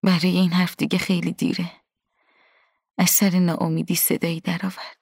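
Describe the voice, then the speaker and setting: A woman reading a first-person story aloud in a soft, hushed, partly whispered way, with a husky voice. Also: on the low side, little pitch movement, dry recording, studio quality. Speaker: audiobook narrator. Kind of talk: scripted first-person narration.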